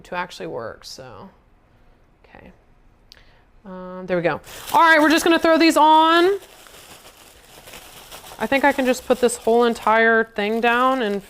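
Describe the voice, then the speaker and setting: Woman chatting to her stream while cooking in the kitchen, smooth clear voice. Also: medium pitch. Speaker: livestreamer. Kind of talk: casual livestream chat. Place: home kitchen.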